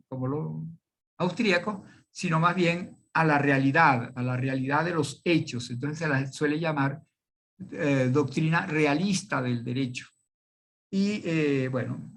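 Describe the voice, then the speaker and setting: An older man with a Venezuelan accent delivers a law lecture to students over a video call. His voice sits a little high, and he pauses often, restarting phrases and drifting into asides. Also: gravelly, fairly bright tone. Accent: Venezuelan Spanish. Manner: digressive, many fillers and restarts. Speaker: law professor. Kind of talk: online university lecture.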